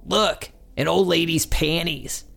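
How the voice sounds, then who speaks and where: A man voicing an excitable, crude teenage boy with a whiny tone. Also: a little high, slow, creaky, faint music behind, pitched above the performer's own voice, full character voice. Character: hyper, giggly teen boy, crude.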